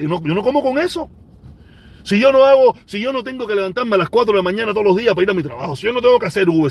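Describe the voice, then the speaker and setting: A man's voice: high-pitched, husky. A man in his forties with a Cuban accent, talking casually on a live stream and answering viewer comments, emphatic and prone to repeating himself. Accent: Cuban Spanish. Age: 40s. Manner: emphatic, repeats phrases for weight.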